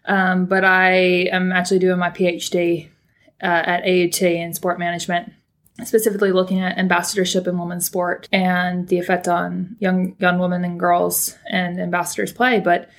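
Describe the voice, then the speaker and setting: A young woman from California, United States, is a PhD student appearing as a podcast guest in a casual interview chat. Her voice sits on the low side with a flat delivery and a moderate pace, and she rambles with lots of fillers and restarts.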